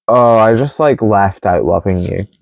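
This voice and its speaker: A man's voice: on the low side, animated, a little slow, vocal fry, dry recording, highs cut off. A man giving casual music commentary from his bedroom, chatty and laughing often. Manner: chatty, sings snippets of songs, laughs often. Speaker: music vlogger.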